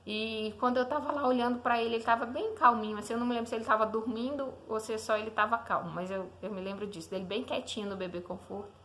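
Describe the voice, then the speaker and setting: A young woman shares a personal faith testimony about her newborn son, speaking casually and directly to the listener. She often checks in with a questioning "né?" as she goes. Her voice sits slightly higher than average. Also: steady tone, fast, few pauses, fairly bright tone, slight background noise. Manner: conversational, often asks the listener "né?". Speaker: mother telling her baby's story.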